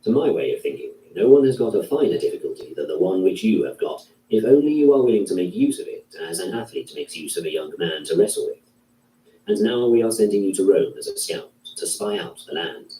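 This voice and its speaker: Male reader, dark mellow tone, measured delivery, distant echoey recording. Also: low-pitched, big pitch swings, a little hiss or hum. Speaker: narrator. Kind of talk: reading a classic philosophy text aloud. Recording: roomy, distant from the mic.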